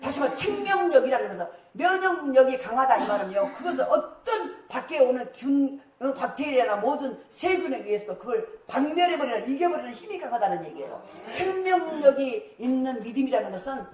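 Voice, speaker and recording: A woman's voice: high voice, sing-song, a little fast, few pauses, a little mellow. Emphatic woman pastor preaching in an echoey hall. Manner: emphatic, laughing often, acts out quoted prayers. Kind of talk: revival sermon. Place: church sanctuary. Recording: echoey church hall, mic far off.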